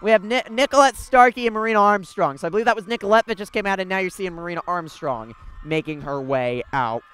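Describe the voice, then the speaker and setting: A man's voice: high voice, fast talker, a bit bright, clean tone. A young man doing live, chatty sports broadcast commentary from a set at a stadium, bantering with guests. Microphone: handheld broadcast mic.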